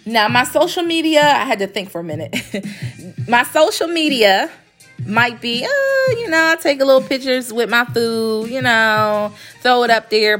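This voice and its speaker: Slightly high and fairly bright, a woman's voice carries this casual solo podcast, hosted by the owner of a graphic design company. She sounds congested while recovering from illness, chatting emphatically and repeating phrases for stress.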